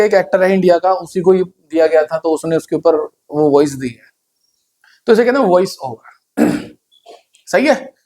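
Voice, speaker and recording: High-voiced man teaching class. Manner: conversational, asks the class questions. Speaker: computer hardware teacher. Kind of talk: classroom lecture.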